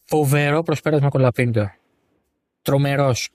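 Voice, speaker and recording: A man's voice: medium pitch, steady tone, darkish tone, no echo, studio quality. A man co-hosting a casual podcast chat about motor racing, teasing and sarcastic. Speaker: podcast co-host.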